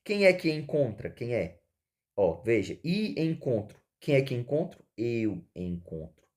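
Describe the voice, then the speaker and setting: A teacher walks through exam answers in a mellow, relaxed voice. His pitch sits in the middle for a man. He asks himself questions, repeats each key word several times and keeps checking in with his listeners. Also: a little slow.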